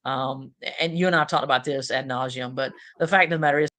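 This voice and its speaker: A man's voice: medium pitch, fairly even intonation, quick pace, bright, forceful tone. A man hosting a political podcast, talking in a casual, opinionated way with many fillers.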